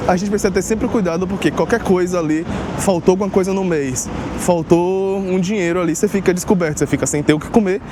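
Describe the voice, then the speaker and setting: High-pitched and fast-talking, this young man from Salvador, Northeast Brazil vlogs about living abroad. He addresses viewers in a direct, conversational way with rhetorical asides, with street sounds behind him.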